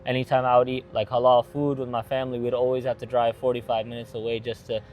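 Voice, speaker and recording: Faint music underlies a casual interview in which a young man from Atlanta, Georgia, who runs a gas station and restaurant, walks through his family business. A fast talker with an ordinary mid-range pitch, he rambles eagerly and easily, leaning on "like" and "you know."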